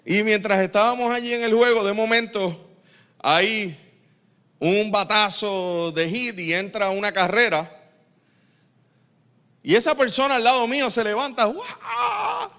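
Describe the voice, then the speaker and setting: A man preaching a sermon, telling stories and acting out the shouts of a crowd. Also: high-pitched, a little slow, pauses often, clean tone. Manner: animated storytelling, acts out crowd shouts. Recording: long reverb of a large hall.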